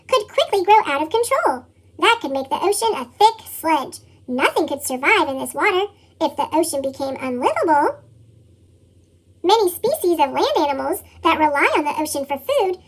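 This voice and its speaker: A narrator with a squeaky chipmunk voice effect, like helium, reads a children's picture book from a script. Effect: pitched-up chipmunk voice effect. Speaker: storybook reader.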